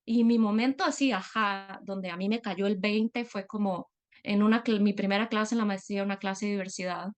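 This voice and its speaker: A guest speaker from Latin America, a middle-aged woman, gives an earnest and reflective personal talk with frequent filler pauses. Her voice is medium in pitch, and her intonation stays fairly even.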